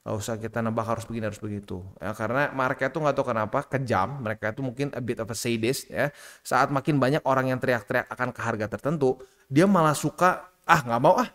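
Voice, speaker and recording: A man from Indonesia, giving casual, slangy commentary over market charts. His delivery is chatty and animated, and his pitch jumps up when he acts out the people he quotes. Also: fast.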